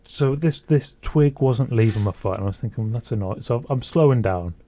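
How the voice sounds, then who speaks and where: A man's voice: mid-range voice, lively intonation, brisk, mellow. A young man co-hosting a podcast, telling rambling anecdotes in a casual chat. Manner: rambling, anecdotal storytelling with restarts. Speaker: podcast co-host.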